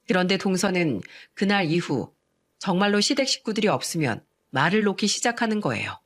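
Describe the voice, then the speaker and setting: A female storyteller reading a first-person family drama. Her narration is confiding and even, speaking to her listeners as if sharing a grievance. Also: mid-range voice.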